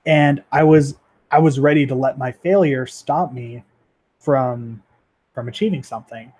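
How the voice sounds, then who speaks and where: A young man in his twenties talks casually over a livestream with a mid-range voice. He rambles, restarts sentences and fills gaps with ums and likes. He pokes gentle fun at himself as he goes. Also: mid-range voice, unhurried, slightly rough. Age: 20s. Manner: rambling, self-deprecating, lots of fillers and restarts. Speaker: 3D animator livestreaming.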